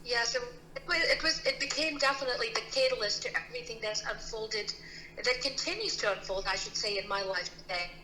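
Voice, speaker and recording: In a roomy recording with faint noise, a Filipino CEO and founder in middle age shares her personal story as a guest. She speaks with a fairly high, sharp voice at a fairly quick pace, earnest and casual, with many restarts.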